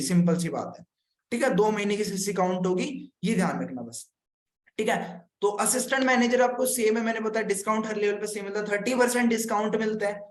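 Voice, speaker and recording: A man from India, a business consultant, explaining a marketing plan on a live stream. He repeats his points and keeps checking that viewers follow. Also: very high-pitched. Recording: echoey room.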